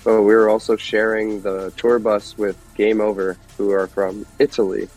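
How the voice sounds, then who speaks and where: A man's voice: lowish voice, little pitch movement, normal speed, darkish tone, faint music behind, low-quality recording. A man in his thirties from Detroit, a guest musician chatting casually and rambling through stories with lots of fillers. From Detroit, USA. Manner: rambling, laid-back storytelling with many fillers. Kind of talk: casual chat.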